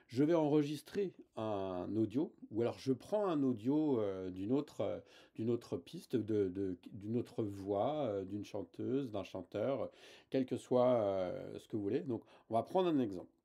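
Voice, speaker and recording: A man's voice: on the low side, animated, a little slow, dark tone. A man hosting a casual tech tutorial, talking hesitantly with many fillers and restarts.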